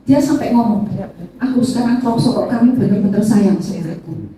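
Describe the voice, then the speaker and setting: A middle-aged woman with a brisk, mellow voice gives an emotional testimony sermon in a church hall, speaking directly to her listeners and calling them "saudara." She acts out tearful prayers in a high voice. The recording is echoey, from a distant mic with faint ambience.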